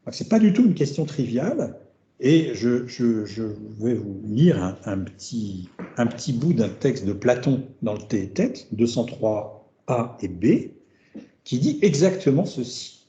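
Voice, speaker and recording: A man's voice: medium pitch, sing-song, measured pace, warm tone. A middle-aged man giving an academic seminar lecture, thinking aloud as he goes, repeating words and tagging his phrases with questions. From France. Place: seminar room. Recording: roomy, dull lecture-room recording.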